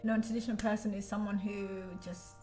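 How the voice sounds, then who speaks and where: A woman's voice: medium pitch, level tone, quick pace, mellow, soft background music. A woman co-hosting a podcast in casual chat, teasing and laughing often. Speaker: podcast co-host.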